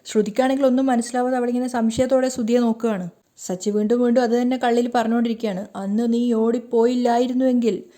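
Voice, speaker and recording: Woman recapping a tv serial, slightly high voice, mellow and warm. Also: quick pace. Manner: lively retelling with quoted dialogue. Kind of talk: storytelling recap.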